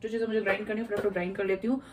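A woman's voice: medium pitch, flat delivery, rapid-fire, very noisy. A young woman chatting casually through a home vlog, slipping English into her talk. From India. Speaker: vlogger.

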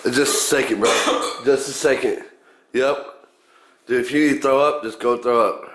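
A man's voice: mid-range voice, steady tone, moderate pace. A man in a casual vlog, groaning and reacting while eating very spicy food. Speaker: vlogger taking a spicy chip challenge. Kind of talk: casual chat. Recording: echoey room with background noise.

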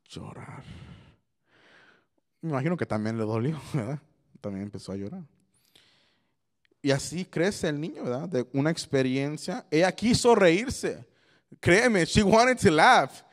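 A young adult man giving a youth sermon, switching between Spanish and English and telling stories with lots of animation. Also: a little high. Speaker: youth pastor.

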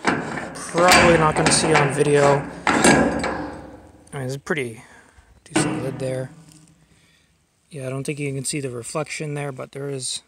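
A young man casually narrates an outdoor vlog on a handheld camera mic, showing a fuel tank in a grassy yard and rambling with many fillers as he thinks aloud. His voice is medium-pitched with fairly even intonation, a little slow, with frequent pauses. The audio is very noisy.

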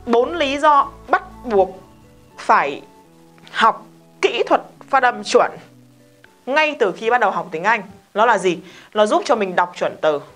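A woman's voice: fairly high pitch, animated, a bit bright, soft background music. A woman teaching English pronunciation in a casual video lesson, explaining patiently and asking rhetorical questions. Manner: explains patiently, repeats example words slowly, asks rhetorical questions.

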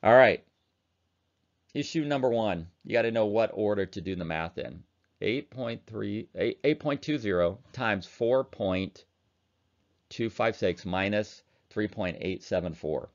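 A chemistry instructor with a low-side voice, lively intonation, and a measured pace teaches an online lecture. He chats casually while working problems on a calculator, and the recording is dull and lo-fi.

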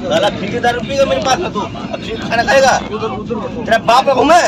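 Drunk man hurling insults, high voice. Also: brisk, crowd noise. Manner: abusive, shouting in a quarrel. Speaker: drunk passenger. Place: sleeper train carriage. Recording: noisy crowded carriage.

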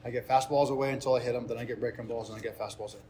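Racing along in a warm, mid-range voice with fairly even intonation, a male head baseball coach in his thirties answers press interview questions off the cuff. He is earnest and explanatory, often repeating phrases for emphasis, while ambient noise sits behind his speech.

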